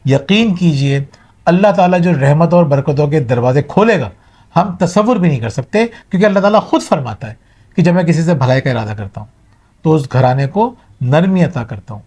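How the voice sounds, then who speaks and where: A man's voice: on the high side, animated, darkish tone, breathy edge. A middle-aged man giving a motivational talk to viewers, earnest and advising, mixing in English words. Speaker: motivational speaker.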